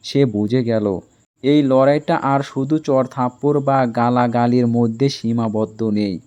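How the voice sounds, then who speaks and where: A man narrating a dramatic romance story in an even, measured storytelling manner. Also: medium pitch, clean tone.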